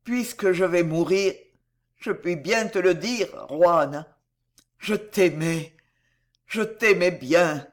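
A reader voicing a timid, gentle dwarf man in a storybook who speaks softly and falters, as if dying. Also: fairly high pitch. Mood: tender. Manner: soft, slow, faltering. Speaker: storybook character. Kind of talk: dramatic audiobook reading.

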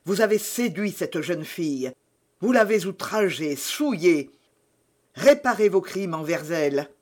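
Man doing an intense young fanatic, high voice, slow, declaiming, audiobook. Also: expressive. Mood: solemn. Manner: intense, rising to loud declamation. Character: fervent young male zealot, grim and accusing.

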